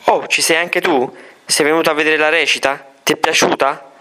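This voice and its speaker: A woman's voice: low-pitched, steady tone, normal speed, bright, forceful tone. A man voicing a fussy, effusive middle-aged schoolteacher in a storybook reading. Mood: gushing. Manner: effusive, then flustered and stammering.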